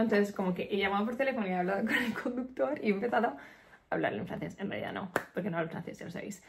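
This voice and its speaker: Woman vlogger, Spain Spanish accent, bubbly casual chat, medium pitch. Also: creaky. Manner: chatty, excitable, laughs often. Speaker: lifestyle vlogger. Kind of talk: casual vlog chat to camera.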